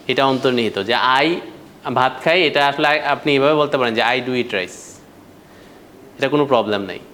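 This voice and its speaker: A man's voice: medium pitch, a bit bright, a little hiss or hum. A man teaching a grammar class, explaining step by step and asking the students questions. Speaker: English teacher.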